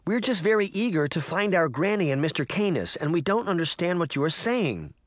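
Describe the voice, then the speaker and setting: Male reader as a polite, earnest little girl in a storybook, pitched up. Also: very animated, fairly quick, no echo, studio quality.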